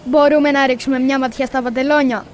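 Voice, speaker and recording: A polite teenage boy chatting in a short textbook dialogue, played by a woman. His voice is high and slightly distant from the mic, with faint noise behind it. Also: steady tone, close to an everyday voice. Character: friendly teenage boy shopping for clothes.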